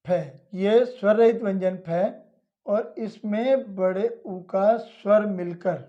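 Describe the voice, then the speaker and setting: A man teaching children to read Hindi, spelling out each syllable slowly and repeating it, with a Hindi accent. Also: high voice. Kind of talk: slow instructional lesson. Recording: dull lo-fi audio.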